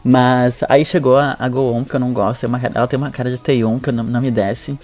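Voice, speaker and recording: Fast-talking campy Brazilian man. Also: mid-range voice, level tone, darkish tone, faint music behind. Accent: Brazilian Portuguese. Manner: gossipy, blunt and campy. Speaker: podcast co-host. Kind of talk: casual podcast chat.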